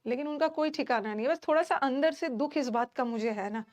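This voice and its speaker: A young Indian woman with a high voice teaches an online class. She talks in a chatty, emphatic way and keeps dropping fillers between points. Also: a little fast. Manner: chatty, emphatic, many fillers like "theek hai". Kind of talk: casual classroom talk to students.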